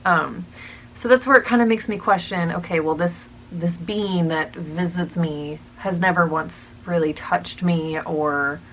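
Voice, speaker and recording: A young woman talking casually to her channel's viewers, musing out loud with many pauses and restarts. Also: fairly low pitch, a little hiss or hum, low-quality recording. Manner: musing, hesitant, frequent ums and restarts. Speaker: channel host. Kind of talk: casual talk to camera.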